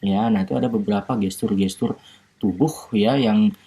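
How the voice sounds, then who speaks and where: Man, university lecturer, mellow dark voice, husky, filler-heavy explaining. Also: fairly low pitch. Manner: explains slowly with many fillers and tag questions. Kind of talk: recorded online lecture.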